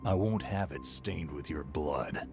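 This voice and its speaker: An actor voicing a stern, proud middle-aged yakuza captain in a video game, in a measured, commanding, gravelly action-hero snake voice. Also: male voice, a bass voice. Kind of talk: dramatic video game voice acting. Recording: game audio with music underneath.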